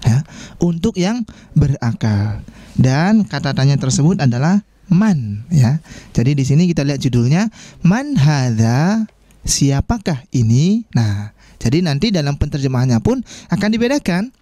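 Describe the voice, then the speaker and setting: A man teaches an online Arabic lesson for beginners, his voice moving up and down as he encourages the class. His tone is mellow and dark. The sound is dry and close. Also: a little high, very animated, normal speed, dry recording. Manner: encouraging, frequent "ya" tags.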